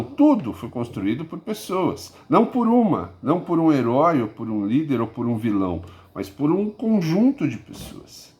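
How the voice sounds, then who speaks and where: A man from Brazil teaching a history lesson in a casual, rambling way, with many fillers and restarts and emphatic peaks. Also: mid-range voice. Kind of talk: informal recorded lesson.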